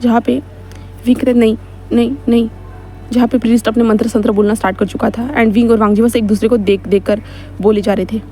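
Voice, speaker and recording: Chatty woman narrating a story, mellow. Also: fairly high pitch, fairly even intonation, fast, faint music behind. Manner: chatty retelling with frequent fillers. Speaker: narrator of fan fiction.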